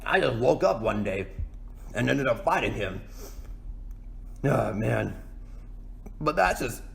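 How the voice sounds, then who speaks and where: Man voicing King Dedede, gravelly cartoon penguin king. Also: mid-range voice, fairly bright tone. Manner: folksy, rambling, aggrieved. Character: self-pitying, boastful cartoon penguin king with a hammer. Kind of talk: ASMR roleplay monologue.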